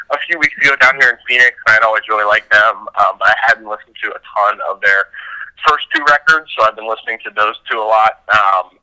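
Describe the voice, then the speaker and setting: A man's voice: lowish voice, pushed and bright, clear, resonant tone, rough recording. A man chatting as a podcast guest, rambling with lots of filler words. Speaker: guest baseball reporter. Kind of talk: casual podcast chat by phone.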